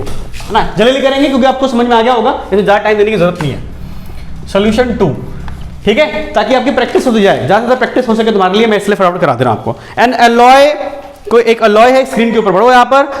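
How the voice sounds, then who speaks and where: A man teaching a chemistry lesson, brisk and coaxing, often asking his students questions. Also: high-pitched, echoey room. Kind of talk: classroom lecture to students.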